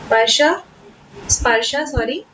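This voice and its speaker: A young woman with an Indian English accent hosts a spoken English class over a video call. Her voice sits a bit high, and she talks in a chatty, encouraging way with easy fillers. Faint hiss runs under the call. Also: animated, slow. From Kolkata, India. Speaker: spoken English workshop host. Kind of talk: online class, casual teaching talk.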